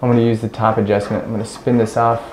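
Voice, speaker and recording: A man in his thirties, an electrician, explains each step while he installs a ceiling light, in a relaxed, practical way. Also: fairly low pitch, fast, background noise. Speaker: electrician instructor. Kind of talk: hands-on how-to narration. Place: small room in a house, indoors.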